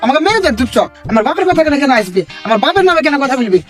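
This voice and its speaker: Fiery young daughter-in-law. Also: female voice, high-pitched, sing-song, faint music behind. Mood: furious. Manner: loud, fast, argumentative. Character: sharp-tongued young village daughter-in-law, quarrelsome. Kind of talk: comedy skit acting.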